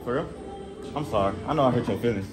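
A man's voice: mid-range voice, quick pace. A young American man with a brash, slangy, teasing way of joking around while walking through a shopping mall. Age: young adult. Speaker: prank vlogger. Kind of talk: casual joking street chat. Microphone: handheld camera a few steps away. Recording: loud music in a shopping mall.

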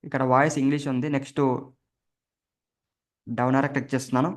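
A man's voice: mid-range voice, little pitch movement, fast. A man hosting a computer tutorial, explaining each keystroke as he presses it in a casual way. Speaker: tech tutorial host. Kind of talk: step-by-step screen recording tutorial.

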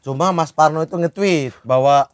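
A man from eastern Indonesia, co-hosting a casual chat and telling stories with lively mimicry. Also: fairly high pitch, moderate pace, dry recording, studio quality. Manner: animated storyteller, mimics stammers.

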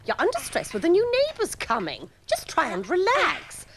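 A brisk wife. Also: female voice, very high voice, huge pitch swings, very noisy, full character voice. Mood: scolding. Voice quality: brisk, scolding. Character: brisk sensible wife, middle-aged. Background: music.

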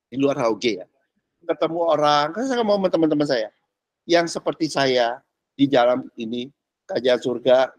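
A middle-aged pastor teaches a class in an easy, chatty way, his fairly high voice leaping up and down in pitch. English words pop up in his speech, and the sound is close and dry with no room around it. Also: no room sound. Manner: animated, mixes in English words and slang. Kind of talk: casual sermon teaching.

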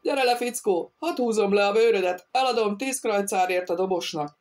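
A woman's voice: medium pitch, darkish tone, close to an everyday voice. A woman reading an audiobook, voicing a boastful male dragoon who jeers and threatens. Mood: jeering. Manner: jeering, threatening.

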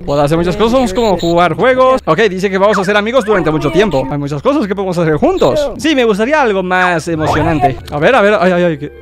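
A man giving excitable gameplay commentary, reading on-screen text aloud and shouting in alarm. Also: high voice, fast talker, hardly any pauses, a crowd in the background. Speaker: gaming YouTuber.

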